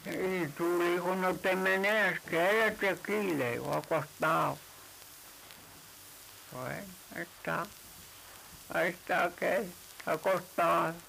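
Slow gravelly guy telling an old folk tale, keeps saying le dijo, a bit of hiss behind. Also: high-pitched, steady tone, bright, forceful tone, low-quality recording. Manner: repetitive, unhurried, with constant "le dijo" tags. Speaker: storyteller.

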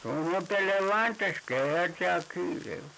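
A man telling a folk tale in an unhurried, repetitive way, tagging nearly every quoted line with "le dijo". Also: high-pitched, vocal fry, sharp tone, a little hiss or hum, poor audio. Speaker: storyteller.

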